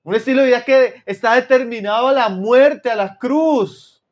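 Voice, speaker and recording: A man from Chile preaching a sermon, addressing his listeners as brothers and dropping to low, intense tones for emphasis. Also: normal speed, muffled recording.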